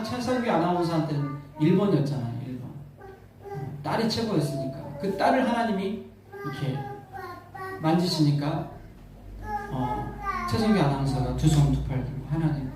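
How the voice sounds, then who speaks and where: A male pastor giving a sermon, telling a story with rising emotion, repeating words and swelling loud on key lines. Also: high voice, slight background noise. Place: church sanctuary. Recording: echoey church hall from far off.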